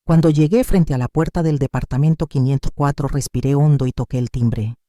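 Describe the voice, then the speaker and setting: A woman's voice: very deep voice, brisk, dark tone, no room sound, studio quality. An older woman, telling a sorrowful first-person story as scripted narration.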